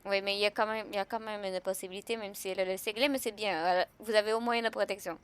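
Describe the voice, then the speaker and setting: A woman's voice: medium pitch, steady tone, fast talker, fairly bright tone, clear, resonant tone. A young woman with a Québécois French accent chatting casually on a live stream, joking and answering her chat.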